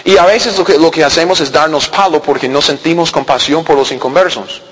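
High-voiced man preaching in an echoing hall. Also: fairly even intonation, fairly quick, a bit bright, breathy edge. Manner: keeps checking in with listeners, repeating words. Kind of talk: conversational sermon. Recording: long hall reverb.

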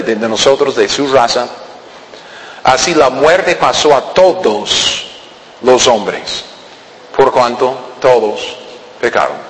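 A man preaching a sermon, swinging between loud emphatic lines and low, quiet asides. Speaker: pastor. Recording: distant in a reverberant hall.

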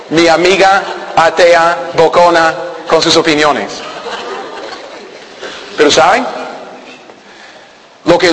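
A man, a pastor telling a story in a sermon, halting and restarting often and checking that listeners follow. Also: fairly high pitch, fairly bright tone. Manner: halting, with many repeated words and restarts; conversational, asking listeners if they follow. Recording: long reverb of a large hall.

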